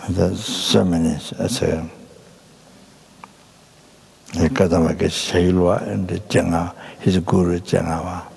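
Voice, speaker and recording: An older man from Nepal, giving a Buddhist teaching in a halting way full of fillers and restarts. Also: deep voice, level tone, vocal fry, a little mellow, breathy edge. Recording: hall reverb.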